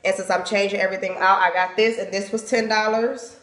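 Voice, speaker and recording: A woman's voice: medium pitch, steady tone, a little fast, fairly bright tone, a little hiss or hum. A young woman filming herself on a phone in her bathroom, chatting casually as she shows items and their prices. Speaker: home decor vlogger. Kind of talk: casual haul and home tour. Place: small home bathroom, indoors. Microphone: phone camera at arm's length. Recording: echoey bathroom.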